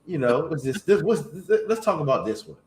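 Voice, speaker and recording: A man hosting a casual chat, animated and playful, reading greeting-card lines aloud, with a slight cough. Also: on the high side, fairly quick, reverberant, slight background noise. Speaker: podcast host.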